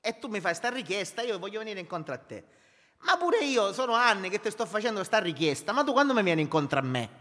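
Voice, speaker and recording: A man's voice: high voice, sing-song, fast, bright, forceful tone, long reverb tail, pitched above the performer's own voice, heavily acted. A man voicing God, who pleads with and reproaches a believer. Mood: reproachful.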